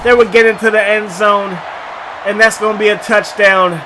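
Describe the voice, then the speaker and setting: A man giving lively, joking play-by-play commentary over a football video game, often bursting into shouts. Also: sits high, moderate pace, noisy background. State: short of breath at times. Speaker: gaming YouTuber.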